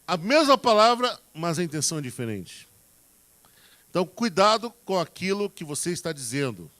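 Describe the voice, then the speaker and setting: A man's voice: high voice, very animated, normal speed, fairly bright tone. A man preaching a sermon on marriage, talking in a folksy, direct way to the congregation and acting out everyday examples in quoted voices. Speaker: preacher giving marriage advice.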